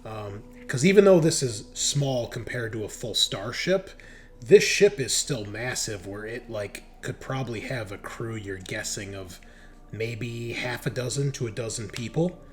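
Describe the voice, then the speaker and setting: Running a tabletop roleplaying game, a game master with a mid-range voice narrates the action. He improvises his descriptions of each scene, pausing and halting along the way.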